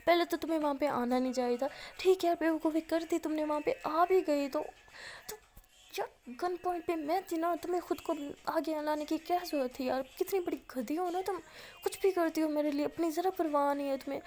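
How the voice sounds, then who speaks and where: A woman voicing a young woman who is emotional and scolds her love, her voice rising in pitch. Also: quick pace, mellow, lightly acted. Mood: scolding.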